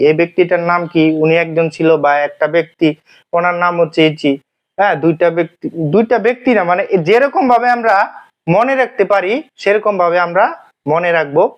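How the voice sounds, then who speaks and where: A man teaches a language lesson in a fairly high voice. He circles back over each point, asking a question and then answering it himself, with frequent hesitations. The recording sounds muffled and lo-fi. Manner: repetitive, asks and answers own questions, many fillers. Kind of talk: classroom lesson explanation. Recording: dull lo-fi sound.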